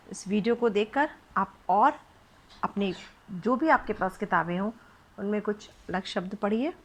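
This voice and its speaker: A woman teaching young children to read, spelling words out syllable by syllable with patient questions. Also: medium pitch. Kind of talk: children's phonics lesson.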